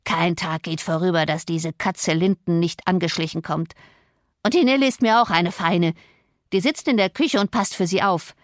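A woman's voice: lowish voice, moderate pace, dry recording, clean studio sound, natural voice. A woman reading the part of a spiteful, sanctimonious old male servant in a storybook. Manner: scolding, sanctimonious.

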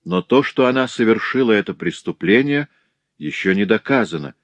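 A man's voice: lowish voice, lively intonation, normal speed, no room sound, close to an everyday voice. A man voicing a grave police commissioner. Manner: formal, grave statements. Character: sober, moved police commissioner. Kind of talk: audiobook character voice.

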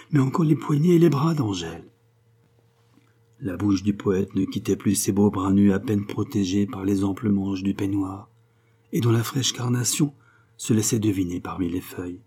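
Male reader for a classic novel; measured and expressive, low and husky. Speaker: audiobook narrator. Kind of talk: literary audiobook narration.

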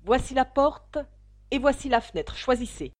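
A woman reading the part of a fierce old male farmer and protective father, with a forceful, raised voice. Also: sits high, sing-song, moderate pace, voice pushed up. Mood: furious.

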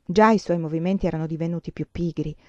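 A woman reading a novel aloud in a calm, measured way, on a slightly dull lo-fi recording. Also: sits low, no room sound. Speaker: audiobook reader. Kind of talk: literary audiobook narration.

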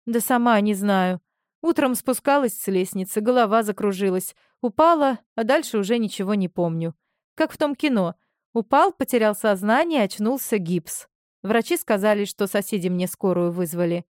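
A manipulative young woman who fakes helplessness, as a woman reader puts her on. She pleads in a raised, plaintive voice, pushing each line louder and higher than the narration. It is a dry storybook reading. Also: animated, moderate pace, no room sound, lightly acted.

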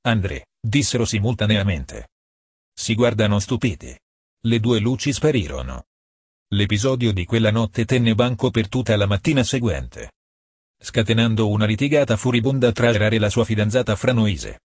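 A man reading a novel aloud as an audiobook in a steady, matter-of-fact way. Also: on the low side, normal speed, dry recording, studio quality. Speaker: audiobook narrator. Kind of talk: scripted audiobook narration.

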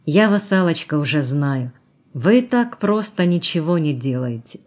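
A woman voicing a soft-spoken young man who sounds quietly bitter and reproachful, in an audiobook. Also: low voice, expressive, unhurried.

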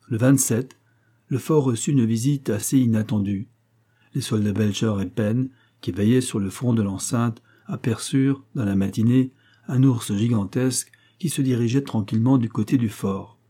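A man narrating a classic novel as an audiobook with steady, even-paced narration. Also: fairly low pitch, husky. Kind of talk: classic novel read aloud.

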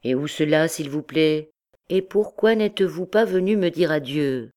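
Une jeune femme noble qui presse de questions celui qu'elle aime, avec un ton suppliant et plein de reproches, jouée par une femme. Sa voix monte plus haut que celle de la lectrice, dans un livre audio. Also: female voice, low-pitched, expressive, unhurried, mellow. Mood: reproachful. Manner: pleading, questioning. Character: young noblewoman, reproachful and anxious.

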